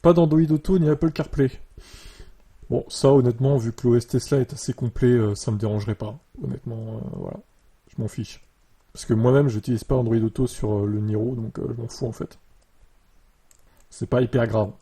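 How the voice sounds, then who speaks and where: A casual man with a very dark, slightly husky voice, reading out article lines and answering them with loose, filler-heavy chat. His USB desk mic gives a muffled, bass-heavy sound. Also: a little fast. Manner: relaxed, many fillers, reads article lines then reacts. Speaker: YouTuber commenting on electric cars. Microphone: USB desktop mic.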